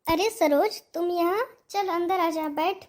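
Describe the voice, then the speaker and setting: A woman doing a frail kindly mother-in-law, very high. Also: unhurried. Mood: gentle. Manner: soft, pleading, fond. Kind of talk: cartoon story voice acting.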